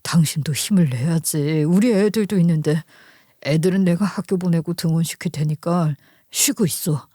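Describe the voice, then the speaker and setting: A woman voicing a gentle, worried middle-aged husband who asks soft, anxious questions. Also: on the low side, moderate pace, dry recording, clean studio sound, pitched below the performer's own voice, natural voice. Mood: concerned.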